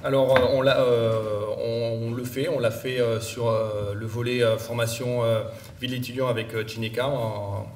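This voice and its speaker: A man directing an organisation answers conference questions in a hesitant way, with many fillers and restarts, clearing his throat because his voice gives him trouble. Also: mid-range voice, fairly even intonation, normal speed, darkish tone, slight background noise. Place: large conference room. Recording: echoey room, distant mic.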